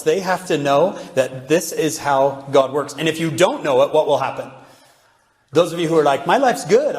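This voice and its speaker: Man, somewhat high voice, animated devotional speaker firing questions at a young crowd, big reverberant hall. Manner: animated, asks the audience many rhetorical questions. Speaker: religious speaker addressing youth. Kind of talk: lively devotional talk to a live audience. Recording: roomy hall with long reverb.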